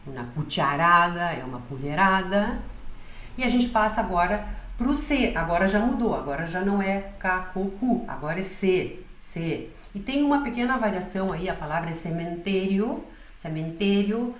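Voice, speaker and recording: A woman's voice: fairly low pitch, animated, moderate pace, fairly bright tone, reverberant. A woman teaching a Spanish pronunciation lesson in Portuguese, explaining patiently and often checking in with her students.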